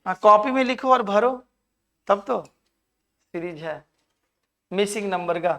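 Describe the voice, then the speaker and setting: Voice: medium pitch, slow pace, bright, forceful tone. A reasoning teacher, giving a live classroom lecture, counting aloud and urging students to answer. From Jharkhand.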